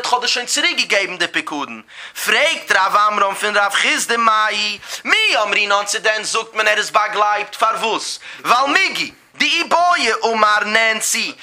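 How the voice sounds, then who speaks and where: A man's voice: sits high, pushed and bright. A man teaching a Talmud lesson, explaining in a rising and falling sing-song. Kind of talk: Talmud lesson in Yiddish-German.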